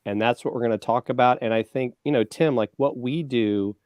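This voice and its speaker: A man's voice: medium pitch, a little fast, a little mellow, dry recording, clean studio sound. A man co-hosting a podcast in casual chat, talking loosely with many fillers and restarts. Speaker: co-host.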